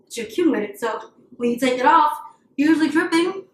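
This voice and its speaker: A woman's voice: sits high, expressive, quick pace, slight background noise. A woman trainer talking through an at-home workout in casual chat, upbeat and laughing often. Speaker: fitness trainer guest. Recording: echoey room.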